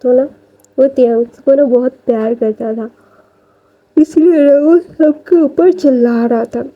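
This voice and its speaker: A woman retells a fan story in a casual, chatty way, full of fillers and restarts. Her voice sits fairly high and the recording sounds dull and lo-fi. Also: a little slow. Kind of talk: casual fan-fiction narration.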